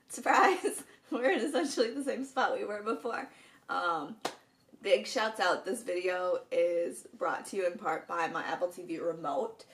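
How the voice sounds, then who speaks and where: Freshly woken, she talks to camera indoors at home, giggling through casual chatter with a froggy morning rasp. Her voice is lowish and a little slow, recorded on a stand-mounted camera with a bit of hiss or hum.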